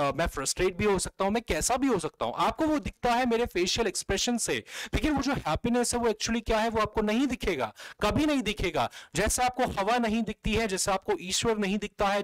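A man's voice: sits high, no room sound, low-quality recording. A man teaching an exam-prep grammar lesson, mixing Hindi with phrases, checking in often with his students. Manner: questioning and animated, checks in constantly; mixes Hindi with English phrases.

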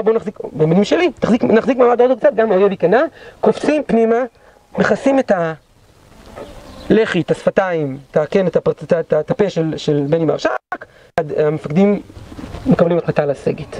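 A man leading a guided history tour, telling battle stories dramatically and acting out the shouts of those involved. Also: high voice, slight background noise. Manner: dramatic storyteller, acts out quoted shouts. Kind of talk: guided tour storytelling lecture. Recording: dull lo-fi recording.

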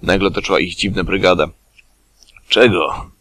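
A man narrating a crude comic parody story in a deadpan way. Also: low voice, fast talker, a little hiss or hum.

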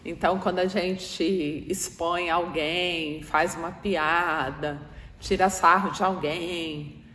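A woman with a Brazilian Portuguese accent speaks slowly with a fairly low, bright, forceful voice and fairly even intonation. Giving an informal spiritual talk, she converses with a live audience and keeps asking for their replies. Echo and faint noise fill the hall.

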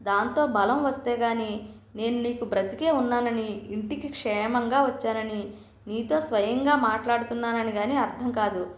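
A woman reading the lines of a young daughter who gently soothes her mother in a story. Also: on the high side, moderate pace, close to an everyday voice. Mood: soft coaxing. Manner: gentle, coaxing. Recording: roomy echo.

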